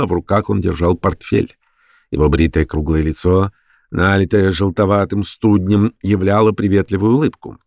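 A low-voiced man reads an audiobook with theatrical, lively intonation. The sound is dry and close to the mic. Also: gravelly, no echo. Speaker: audiobook narrator. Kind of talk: expressive literary narration.

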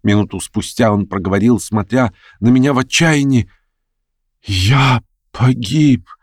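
A man reading a classic novel aloud as narrator, in a measured, steady telling. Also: fairly low pitch, dry recording, studio quality. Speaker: audiobook narrator. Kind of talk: scripted narration.

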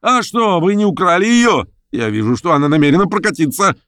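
A man voicing a frenzied, drunken carnival reveller in a red coat, shrill and mocking. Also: expressive, brisk, a bit bright, dry recording, clean studio sound.

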